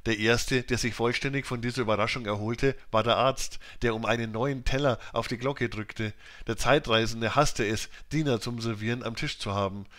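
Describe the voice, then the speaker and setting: A man's voice: medium pitch, steady tone, normal speed, a bit bright. Man reading a classic novel aloud. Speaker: audiobook reader. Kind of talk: literary audiobook narration.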